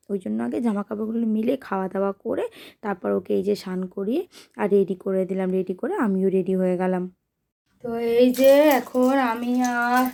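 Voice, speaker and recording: Fast-talking, high-voiced sleepy young mother. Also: gravelly, warm tone. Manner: chatty and fretful, rambling with restarts. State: sleep-deprived. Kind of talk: casual home vlog chat.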